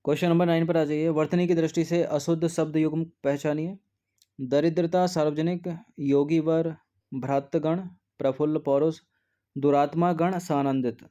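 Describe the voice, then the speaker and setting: Mellow-voiced man explaining test answers. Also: a little high, steady tone, moderate pace. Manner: patient, repeats "theek hai" often. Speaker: exam prep teacher.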